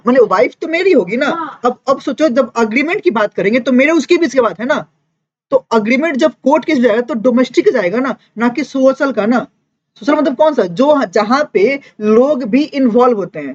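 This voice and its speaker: Lively woman teacher, chatty classroom lecture. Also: high voice. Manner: lively, mixes Hindi and English, constant check-ins with students. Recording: dull lo-fi classroom recording.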